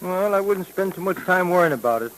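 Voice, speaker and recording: An actor playing a chatty, excitable male police sidekick in a 1940s radio drama, talking in a slangy way. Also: sits high, fast, slight background noise, poor audio. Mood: breezy. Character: breezy, eager young male sidekick cop. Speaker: police partner of the detective.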